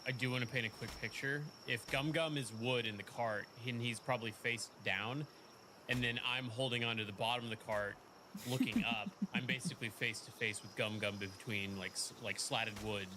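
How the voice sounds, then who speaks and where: A man's voice: medium pitch, fairly even intonation, moderate pace. Male tabletop player, noisy recording. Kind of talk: casual tabletop role-play chat. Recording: clearly noisy, with clicking.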